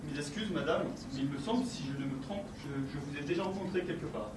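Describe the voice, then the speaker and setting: A man's voice: on the high side, quick pace, distant mic, natural voice. A man playing a courtly, fussy English husband. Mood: courteous. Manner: courtly, fussily exact. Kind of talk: amateur stage acting. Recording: echoey stage from afar, noisy.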